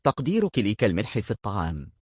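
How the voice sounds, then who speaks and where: A stern, proud old king from a storybook, voiced by a man narrating the tale. His husky voice rises and falls with lively, regal command. The sound is dry and close, with no room echo. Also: fairly low pitch, fast talker, full character voice. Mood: angry. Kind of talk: storybook character reading.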